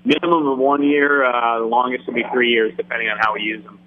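A man's voice: medium pitch, steady tone, quick pace. A head brewer explaining his work over a phone speaker, in a plain, matter-of-fact way, from a noisy bar. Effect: heard over a phone speaker. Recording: tinny phone line from off-mic with hum.

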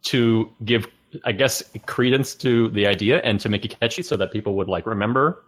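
A man's voice: on the low side, moderate pace, a bit bright, rough recording. A man co-hosting a podcast, explaining a story in casual, rambling chat. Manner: rambling, many fillers and restarts. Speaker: podcast co-host.

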